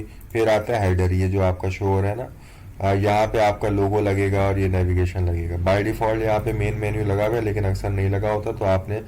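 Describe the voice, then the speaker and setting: A young man walks through a lesson in a low, fairly monotone voice. His tone is mellow and unhurried, and he keeps checking that the viewer is following. A faint hiss sits under the recording. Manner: relaxed, step-by-step, keeps checking in with "theek hai". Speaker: course instructor. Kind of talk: screen-recorded tutorial walkthrough.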